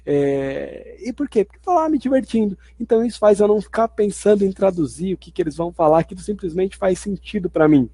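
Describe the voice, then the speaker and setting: A man's voice: high voice, animated, quick pace, hardly any pauses, warm tone, no room sound. A man teaching a video lesson in an explanatory way, restating each point twice. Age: adult. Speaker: language teacher.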